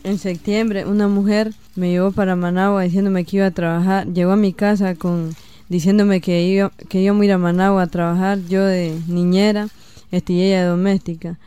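A young woman with a Nicaraguan accent giving halting personal testimony, full of fillers and restarts. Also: medium pitch, flat delivery, warm tone, clean tone, no echo. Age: young adult. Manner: halting, many "este" fillers.

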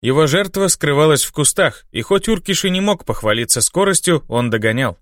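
A male narrator reading a first-person story in a steady, even storytelling manner. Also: fairly high pitch, fairly quick, no room sound, clean studio sound. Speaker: audiobook narrator.

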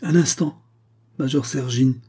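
A man reading a young woman's lines in an audiobook, with a coaxing, insistent manner and his pitch raised. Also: measured pace, dark tone, husky.

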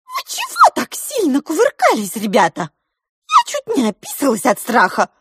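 A woman voicing a timid, fussy pink female mouse in a storybook reading, squeaky and gasping. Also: wildly swooping pitch, normal speed, fairly bright tone, no room sound, clean studio sound, full character voice. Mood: frightened. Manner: squeaky, gasping, easily frightened. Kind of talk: audiobook character voice.

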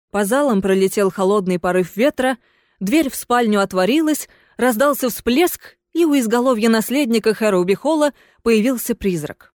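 A woman reading a story aloud as an expressive audiobook narrator. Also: medium pitch, dry recording, clean studio sound. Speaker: audiobook reader.

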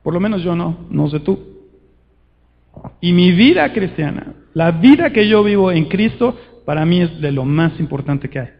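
A man preaching a sermon to a conference, urgent and fervent, swinging between loud appeals and hushed words. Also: high-pitched, lively intonation, moderate pace, creaky, dull audio.

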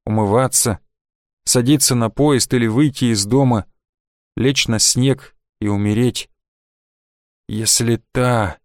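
Male narrator, measured literary reading, dry close mic. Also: medium pitch, dry recording. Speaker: audiobook narrator. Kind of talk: scripted narration.

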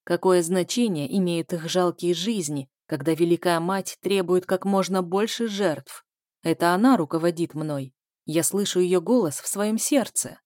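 A woman reading a novel aloud, voicing a scarred male killer who speaks quietly with a hiss, like a snake. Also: fairly low pitch, moderate pace, no room sound, studio quality, close to an everyday voice. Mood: zealous threatening. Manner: quiet hissing menace. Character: scarred man, cold cruel killer.

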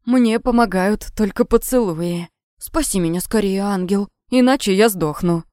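A woman's voice: mid-range voice, a little slow, darkish tone, no echo, clean studio sound, lightly acted. A woman voicing a hungover, crude bald man who groans and swears, in an audiobook reading. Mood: flirty.

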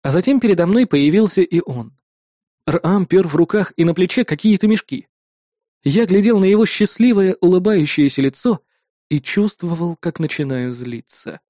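A man narrating a first-person story in an expressive audiobook style, voicing the dialogue. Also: sits high, moderate pace, no echo, studio quality.

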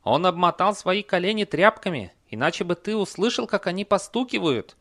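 High squeaky talking mare, a guy putting her on, skeptical and mocking, audiobook. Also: animated, a little fast, fairly bright tone. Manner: skeptical, chatty. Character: sardonic old mare, the hero's horse.

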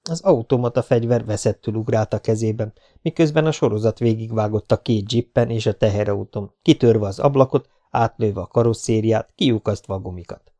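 A man's voice: on the low side, mellow. A man narrating an action novel as an audiobook, reading with dramatic tension. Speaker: audiobook reader.

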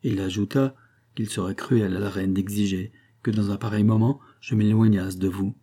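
A man reading an audiobook and voicing a grave, loyal count who speaks in a measured, formal and earnest way. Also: fairly low pitch, fairly even intonation, mellow, natural voice.

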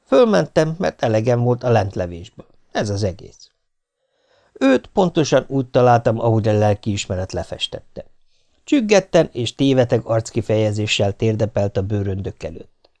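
Man reading a funny novel out loud, dry ironic tone, pitch bouncing around a lot. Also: very animated. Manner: wry, ironic storytelling. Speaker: audiobook reader. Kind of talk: audiobook narration of a humorous novel.

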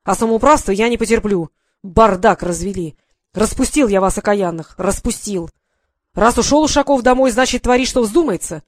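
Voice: mid-range voice, fast talker, no room sound, lightly acted. A reader voicing a stern, powerful elderly male general who scolds and commands with sarcasm. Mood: angry scolding. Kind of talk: audiobook character voice.

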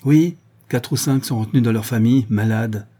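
A man's voice: fairly low pitch, moderate pace, dark tone, breathy edge. A man voicing an irritable, defensive male head of a private school who speaks in a snappish, indignant way in an audiobook.

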